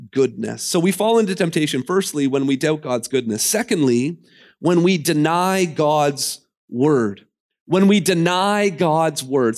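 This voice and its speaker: High-voiced emphatic preacher, measured pace. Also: male voice. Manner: emphatic preacher, swings from loud to hushed. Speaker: pastor. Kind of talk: sermon. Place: church.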